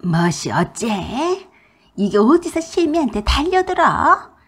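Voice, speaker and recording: A woman voicing a domineering older mother-in-law in a radio drama, who scolds in a loud, bossy voice and talks down to people. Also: medium pitch, sing-song, unhurried, gravelly, slightly rough, exaggerated voice. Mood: scolding.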